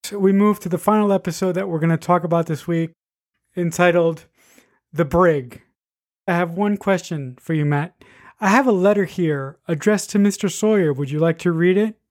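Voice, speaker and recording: A man's voice: sits high, normal speed. A man co-hosting a casual TV recap chat, blunt and profane in an exasperated way. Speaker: podcast co-host.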